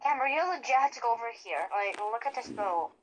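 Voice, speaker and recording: Young girl gaming friend, excitable. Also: a little high, heavy background noise. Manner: excitable, talks fast in bursts. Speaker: friend playing along. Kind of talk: casual gameplay chat.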